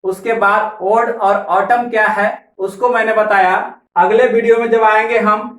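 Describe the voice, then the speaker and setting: A man teaching an online class, explaining poem word meanings slowly and repeating key words. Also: high-pitched, little pitch movement, fairly bright tone, echoey room, low-quality recording. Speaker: English teacher.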